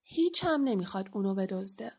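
A woman's voice: mid-range voice, animated, creaky, darkish tone, breathy edge. Storybook: woman reading as a big cagey gamekeeper who rambles and boasts, only lightly voiced. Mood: boastful. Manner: chatty, rambling.

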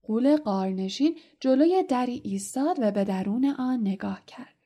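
Mellow woman reading an audiobook. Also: a little high. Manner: expressive storytelling, dropping to a hush in tense moments. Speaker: audiobook reader. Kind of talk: audiobook narration.

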